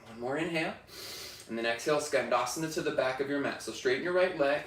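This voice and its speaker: A male yoga teacher leading a class through poses with calm, breath-paced cues. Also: medium pitch, quick pace. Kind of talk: guided yoga class instruction. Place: yoga studio. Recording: roomy studio echo from far off.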